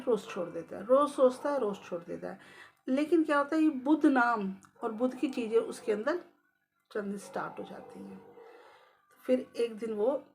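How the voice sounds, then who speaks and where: A woman's voice: medium pitch, creaky, a little mellow. A woman telling a moral story in a casual, conversational way, with loose phrasing and occasional English words.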